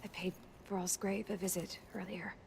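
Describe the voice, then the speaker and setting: An actress playing an earnest, gentle young woman in a video game, soft-spoken and sincere. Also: mid-range voice, level tone, normal speed, vocal fry, background noise. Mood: grieving, subdued. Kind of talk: video game character dialogue.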